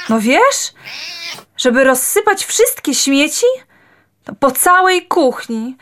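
A woman's voice: high voice, a bit bright, slight background noise, exaggerated voice. An actress playing a cat owner who talks to her pet in a chiding way.

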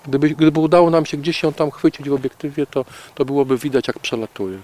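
A man guiding a night walk in the forest, calmly explaining owl behavior to a group with fillers and repeats. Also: on the high side, fast talker. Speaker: naturalist guide on a night walk.

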